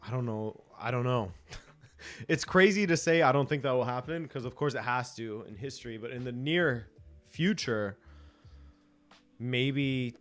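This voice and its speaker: A man's voice: medium pitch, unhurried, long pauses, fairly bright tone, faint music behind. A man hosting a live football watch-along stream, chatting casually, chuckling and reading viewer comments aloud.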